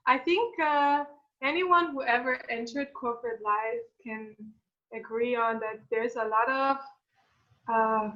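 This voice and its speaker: Bright-voiced woman, hesitant. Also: a little high, muffled recording. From Croatia. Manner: hesitant, many fillers and restarts. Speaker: guest entrepreneur. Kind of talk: casual interview conversation.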